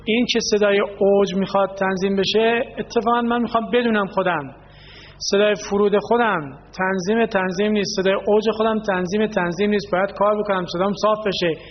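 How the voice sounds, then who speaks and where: A man's voice: sits high, steady tone. A man teaching a voice skills workshop, explaining and putting questions to the group. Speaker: workshop instructor. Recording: dull lo-fi sound in an echoey hall.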